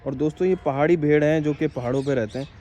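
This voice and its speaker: A man vlogging at an outdoor zoo in a chatty, excitable way, talking to viewers and to the animals. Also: a little high, fast talker. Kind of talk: casual vlog narration. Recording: noisy outdoor camera audio. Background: birds and animal calls.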